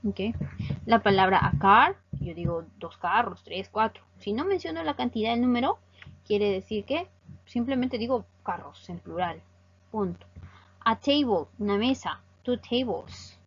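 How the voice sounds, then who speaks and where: Slow, husky-voiced woman teaching English. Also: on the high side, fairly bright tone. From Peru. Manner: explains slowly, checks understanding with "¿ok?". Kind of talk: recorded slide lesson. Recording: dull lo-fi audio.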